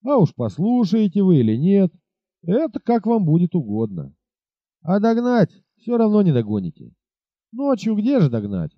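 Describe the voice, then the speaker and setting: A man reading aloud, voicing a burly village innkeeper who gives advice in a folksy, unhurried way. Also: high voice, huge pitch swings, no echo, voice pushed up, heavily acted. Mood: unruffled. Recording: dull lo-fi recording.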